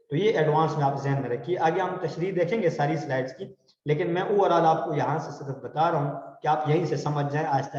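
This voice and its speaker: A man teaching Quran recitation rules, slowly drawing out example words for students to repeat. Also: on the high side, darkish tone. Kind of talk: tajweed lesson with call-and-response recitation. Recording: echoey hall, dull lo-fi sound.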